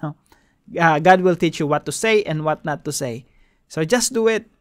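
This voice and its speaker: A man from the Philippines giving a casual devotional talk, animated and chuckling between points, switching between Tagalog and English. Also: a little high, moderate pace, no room sound. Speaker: devotion preacher.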